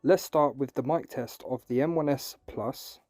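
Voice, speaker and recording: A man with a medium-pitched, slightly mellow voice reads a scripted product review at normal speed. He takes the listener through it step by step in an instructional way, with a music bed playing behind him.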